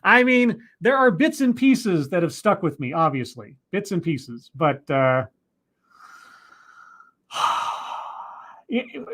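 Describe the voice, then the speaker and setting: A man's voice: high-pitched, lively intonation, takes it slowly, pauses often, a bit bright. A young man hosting a livestream Q&A, chatting casually and rambling as he answers viewer comments with self-deprecating jokes. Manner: rambling and self-deprecating, with frequent restarts and laughs.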